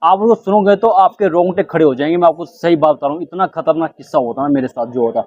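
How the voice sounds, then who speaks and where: A man's voice: on the high side, quick pace, darkish tone, no echo, highs cut off. A man hosting a casual podcast, prompting his guests with short replies and addressing viewers. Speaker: podcast host.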